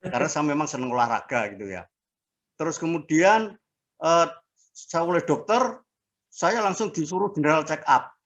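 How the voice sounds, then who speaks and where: A man in his sixties giving a casual personal testimony as an interviewee, speaking haltingly with fillers and restarts. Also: on the high side, animated, fairly bright tone. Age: 60s. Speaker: interviewee sharing a health testimony.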